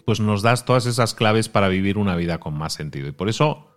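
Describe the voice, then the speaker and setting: A middle-aged man hosts a relaxed podcast chat in a lowish voice. He talks animatedly, laughs often and drops to quieter asides. Soft music plays faintly behind him. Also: a little fast. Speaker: podcast host. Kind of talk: casual podcast conversation.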